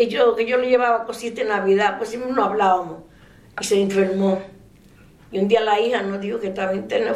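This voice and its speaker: An older woman with a somewhat high voice recounts family stories in a loose, conversational way. She laughs easily and often abandons a sentence to start again. The recording has a noticeable room echo around her. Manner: lively, laughs often, trails off and restarts. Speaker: interviewee sharing a faith testimony. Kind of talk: casual storytelling. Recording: echoey room.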